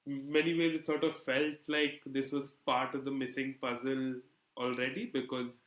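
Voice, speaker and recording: A politics editor being interviewed explains his work articulately and conversationally, with a self-deprecating touch. His medium-pitched voice is level, a bit bright, at a moderate pace. The recording sounds echoey and roomy.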